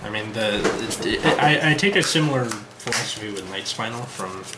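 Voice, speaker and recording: A man's voice: on the low side, animated. Man, card game player, casual banter, echoey room, noisy background. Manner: rattles off game rules quickly.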